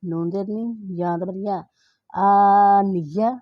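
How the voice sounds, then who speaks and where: A woman with an Urdu accent teaching Quran reading, spelling out each letter and vowel mark slowly and then blending the syllables. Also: medium pitch, steady tone, dry recording, narrow, tinny audio. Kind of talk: slow spelling-out recitation lesson.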